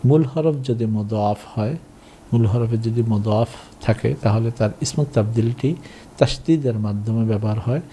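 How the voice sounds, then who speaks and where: A man teaching Arabic in a recorded lesson, slowly drilling and repeating words for learners to copy. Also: on the low side, dark tone, slight background noise. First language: Bengali.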